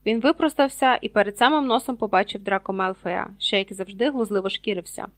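A woman's voice: mid-range voice, fast. A woman narrating a book aloud in a scripted reading style, reading out page numbers as she goes. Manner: reads page numbers aloud, voices characters with raised loudness. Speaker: audiobook reader.

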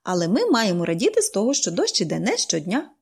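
A woman reader voicing a cheerful, chatty young girl who speaks brightly and eagerly. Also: medium pitch, wildly swooping pitch, quick pace, husky, heavily acted. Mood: chirpy.

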